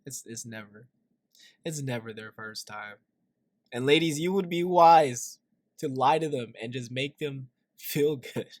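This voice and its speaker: A man's voice: mid-range voice, a little slow, dry recording. Joking man giving dry, close commentary. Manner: joking, confiding asides, frequent "right?". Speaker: reaction video host. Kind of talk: casual reaction commentary.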